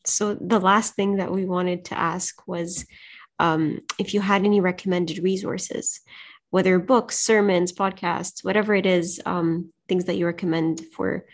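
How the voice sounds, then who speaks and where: Woman co-host, lowish pitch, polite measured questions. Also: fairly even intonation. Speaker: podcast co-host. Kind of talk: casual podcast interview.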